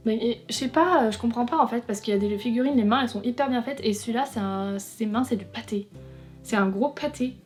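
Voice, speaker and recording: A young woman chatting casually as a vlogger, reviewing figurines in a frank, teasing way that is quick to complain. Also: on the high side. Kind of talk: casual chatty unboxing commentary. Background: faint background music.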